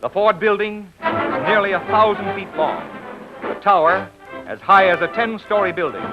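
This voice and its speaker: A man's voice: high-pitched, animated. Man narrating an old 1930s newsreel. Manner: brisk, declamatory announcer delivery. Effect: old newsreel soundtrack. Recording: dull lo-fi 1930s film sound with music.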